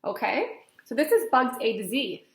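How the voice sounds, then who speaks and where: A slightly high voice with big pitch swings at normal speed comes from a teacher in her thirties reading to young children. She asks simple questions often, stresses key words and letter names, and keeps explanations easy in this read-along lesson. The webcam audio is roomy and echoey, recorded indoors in a small plain-walled room.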